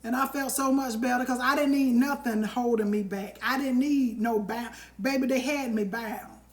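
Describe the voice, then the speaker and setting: Woman, live-stream host, fairly high voice, emphatic preacher-style motivational talk. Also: normal speed. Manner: emphatic and preachy, addressing viewers directly with endearments.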